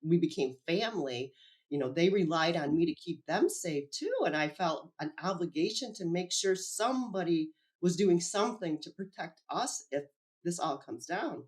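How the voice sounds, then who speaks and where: A woman speaking as an interview guest, recounting her experience in a lively, animated way. She acts out conversations as she tells them and laughs easily. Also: on the low side, normal speed. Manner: animated, acts out quoted dialogue, laughs often. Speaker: whistleblower guest. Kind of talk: interview storytelling.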